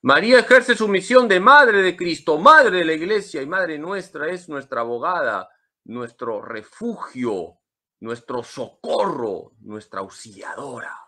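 Lively bright-voiced priest. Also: male voice, fairly high pitch, unhurried. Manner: emphatic, lively teaching with humor. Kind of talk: Marian catechesis talk.

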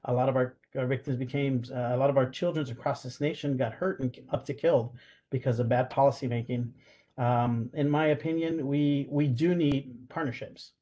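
Over a video call webcam, a middle-aged Spanish-speaking man from Guatemala, president of a school police association, speaks earnestly as an online panelist from a home or office room. His medium-pitched voice is warm and steady at a normal pace, though the sound is lo-fi. Fillers and restarts run throughout.

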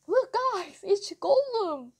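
Woman reading as a taunting teen bully boy, high and loud, storybook. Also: very animated, slow, full character voice. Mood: jeering. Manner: mocking, loud and jeering. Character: brash taunting seventh-grade boy bully.

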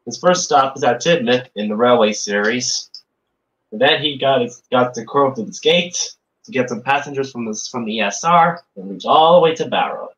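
A man's voice: medium pitch, moderate pace, a bit bright, dull audio. A young man co-hosting a livestream, chatting in an eager, rambling way. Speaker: livestream co-host. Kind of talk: casual livestream chat.

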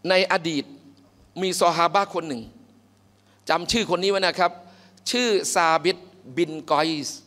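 High-voiced male teacher in a mosque. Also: measured pace, long pauses. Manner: animated, acts out characters, quizzes listeners. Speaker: Islamic religious teacher. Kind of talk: Quran commentary lesson. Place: mosque hall. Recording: long hall reverb.

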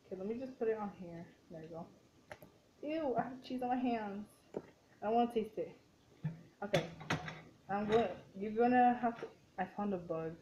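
A young woman from a Mexican family chatting casually while cooking, full of "like" and "dude" and quick to say "ew". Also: medium pitch, highs cut off, slight background noise. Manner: chatty and easily grossed out, lots of "like" and "dude". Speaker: vlogger. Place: dim home kitchen.

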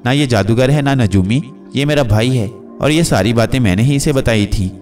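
A man's voice: mid-range voice, darkish tone, pitched above the performer's own voice, close to an everyday voice. Give me a sly, mocking comic suitor, put on by a man, heard from a distance. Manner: mocking, quick-witted. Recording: distant mic with faint music.

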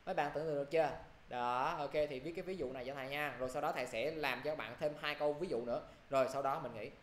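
A man's voice: on the high side, slight background noise. Southern Vietnamese male teacher, echoey room. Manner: brisk, checks in often with students. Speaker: English teacher. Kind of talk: classroom grammar lesson.

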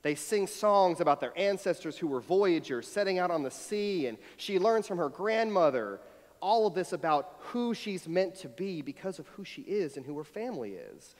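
An American pastor in his thirties gives a personal, conversational sermon from the pulpit, reflective and storytelling in manner. His voice is high and sing-song at a normal speed, with long hall reverb from the church sanctuary.

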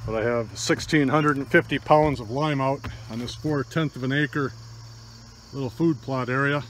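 Filmed on a phone while he walks a rural field, this older man from Michigan gives no-nonsense how-to narration for his DIY hunting vlog. His voice is medium-pitched, with slight background noise and crickets and insects audible.

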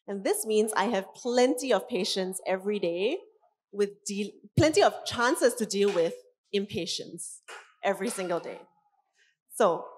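A woman, a parenting coach giving a lively conference talk in which she acts out parents' voices. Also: mid-range voice.

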